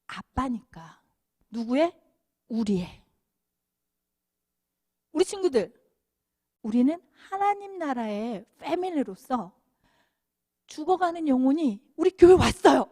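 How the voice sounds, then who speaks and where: A woman giving a children's sermon, telling the story in an animated, sing-song way. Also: high voice, slow, long pauses, dry recording, studio quality. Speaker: children's minister.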